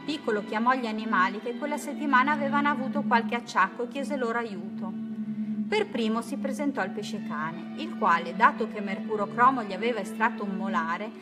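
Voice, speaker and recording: A woman reading a children's bedtime story aloud in a gentle, lilting way. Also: a little high, a little fast. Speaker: narrator. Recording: music playing behind.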